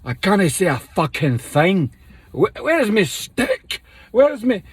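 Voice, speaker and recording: A man putting on a drunken, blind old Scotsman with a put-on Scottish accent, who is loud and confused. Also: high-pitched, big pitch swings, slow pace, slightly rough, dry recording, pitched above the performer's own voice, exaggerated voice. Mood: flustered.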